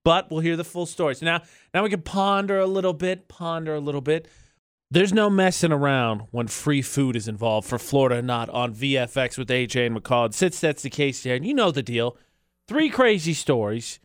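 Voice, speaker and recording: A man co-hosts a radio show, running a call-in game with an animated, incredulous manner. He often repeats himself. His voice is a bit high and sounds dry and close. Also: normal speed, clear, resonant tone, no echo. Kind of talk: morning radio banter. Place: radio studio.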